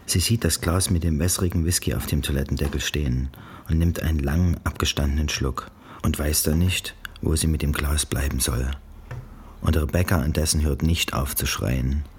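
A man reading a novel aloud in a calm, measured narration. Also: rumbling low, slightly rough. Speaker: audiobook reader. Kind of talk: literary reading.

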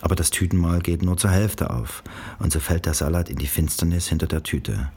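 A man reading a novel aloud in a calm, measured narration. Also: deep voice, slightly rough. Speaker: audiobook reader. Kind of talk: literary reading.

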